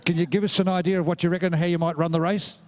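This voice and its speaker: A middle-aged Australian man calls a live pony race at an outdoor showground, talking into a handheld mic. His voice sits high and bright for a man, and he teases the young riders and rouses the crowd in a jovial, playful way. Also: level tone, racing. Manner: jovial, teasing, crowd-rousing. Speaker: ringside announcer. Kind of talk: live event commentary.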